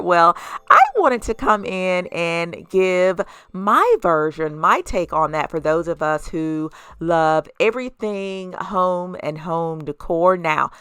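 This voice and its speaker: A woman's voice: lowish voice, a bit bright, clear, resonant tone, dry recording. A woman hosting a casual home vlog, chatting to viewers with a lisp and whistly s sounds from braces. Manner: chatty, addresses viewers as guys. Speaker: host of a home and lifestyle vlog.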